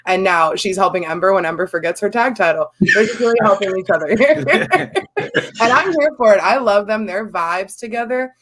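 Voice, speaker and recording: Female podcast co-host, hoarse and tired-voiced, effusive fan in casual chat. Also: mid-range voice, lively intonation, normal speed, fairly bright tone. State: hoarse, worn-out voice after cheering.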